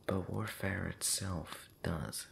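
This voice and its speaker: An audio roleplay channel creator whispers and breathes through an intimate late-night ASMR ramble, pensive and hesitant, with long pauses and quiet hums. His voice sits low with fairly even intonation, over a slight hiss or hum.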